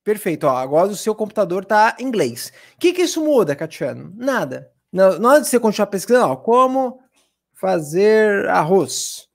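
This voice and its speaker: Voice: mid-range voice, sing-song, fast talker, hardly any pauses. An English teacher with a Brazilian Portuguese accent giving a chatty, upbeat live online lesson and talking straight to the viewers.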